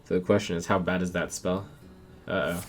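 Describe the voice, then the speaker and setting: A man's voice: low-pitched, level tone, a little fast, very noisy. A man giving casual, understated commentary on a video game, thinking aloud as he plays. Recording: loud game music behind voice. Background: video game music.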